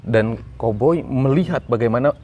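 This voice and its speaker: A man who is an Islamic preacher, hosting an interview and often breaking in with quick religious exclamations. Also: medium pitch, darkish tone, dull audio, slight background noise.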